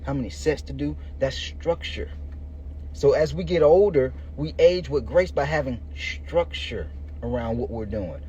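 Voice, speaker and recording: Through a muffled, noisy lo-fi recording comes a man in his thirties with a medium-pitched, dark voice. He's a podcast host and fitness coach giving listeners an informal, colloquial motivational speech aimed right at them.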